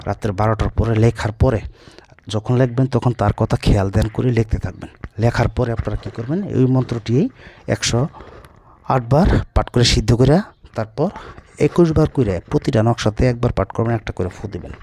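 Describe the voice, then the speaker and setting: A man working as a folk healer, giving blunt, scolding instructions in a video and chanting spells slowly at times. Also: medium pitch, dark tone.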